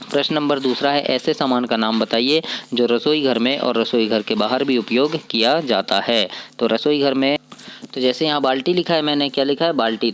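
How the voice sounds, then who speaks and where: A man's voice: medium pitch, a bit bright, a little hiss or hum. A male teacher going through a children's workbook, asking questions and answering them himself. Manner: explains step by step, asks and answers his own questions; reads poem lines slowly. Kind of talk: workbook lesson walkthrough.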